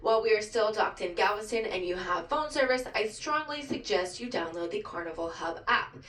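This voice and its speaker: A woman making a firm, scripted announcement over a cruise ship's public address loudspeaker. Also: medium pitch, lively intonation, a little fast. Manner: firm, clear instructions. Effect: ship public address loudspeaker. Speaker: ship announcer. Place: cabin aboard a cruise ship, heard over the PA. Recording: echoey loudspeaker heard from far off.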